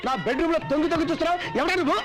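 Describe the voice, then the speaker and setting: Brief: a shrill, raging husband throwing rapid threats, over film music. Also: male voice, fairly even intonation. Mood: angry. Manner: angry shouting threats. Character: hot-tempered jealous husband. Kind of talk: Telugu film comedy acting. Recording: film soundtrack with music underneath.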